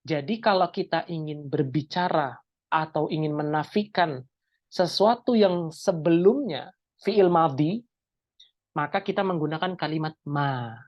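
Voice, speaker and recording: A man's voice: on the high side, a little slow, no room sound, muffled recording. A male Islamic teacher giving an online Arabic grammar class, explaining step by step and asking and answering his own questions.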